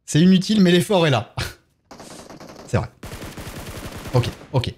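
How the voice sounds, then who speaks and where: A man with a French accent hosts a casual live game stream. His voice sits slightly high and moves animatedly from phrase to phrase. He keeps up a running chat, thanking viewers one after another. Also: lively intonation, slow pace, a little mellow. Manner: chatty, thanks viewers one by one while playing.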